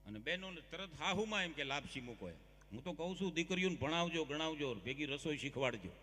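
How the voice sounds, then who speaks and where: Folk stage comic, high lively voice, long hall reverb. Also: male voice, fast. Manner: lively, addresses audience directly. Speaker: folk comedian.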